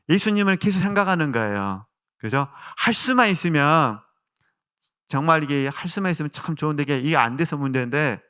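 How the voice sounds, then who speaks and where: A male pastor with a Jeolla Korean accent preaches a sermon in a clean-toned, slightly high voice. He tells stories warmly and poses rhetorical questions to the congregation.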